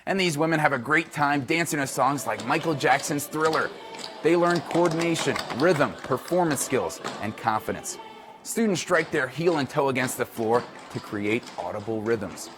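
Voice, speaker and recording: A man's voice: mid-range voice, expressive, moderate pace, music in the background. Upbeat male sports reporter. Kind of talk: scripted news sports segment.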